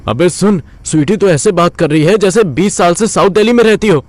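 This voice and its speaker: A man voicing a brash, excitable young man who talks bluntly and informally. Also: high voice, a little fast, no room sound, lightly acted. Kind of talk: audio story dialogue.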